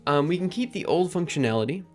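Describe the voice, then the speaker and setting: A man hosting a live coding stream, thinking aloud in a halting, casual way with many ums. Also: a little high, expressive, faint music behind. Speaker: livestream host.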